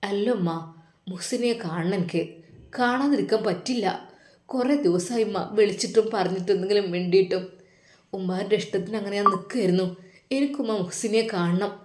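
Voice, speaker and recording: A woman's voice: medium pitch, moderate pace, pauses often, lightly acted. A woman voicing a grieving young man who pleads tearfully to find his wife, with a Malappuram Malayalam accent, in a roomy echo. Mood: tearful, pleading. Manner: pleading, hushed.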